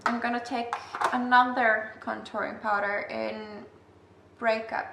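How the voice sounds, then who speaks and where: In an echoey room with a faint hiss, a young makeup vlogger with an Icelandic accent walks through a tutorial in English, her second language, keeping it casual with chatty, self-deprecating comments. Her creaky voice sits on the high side, with a level tone and a measured pace.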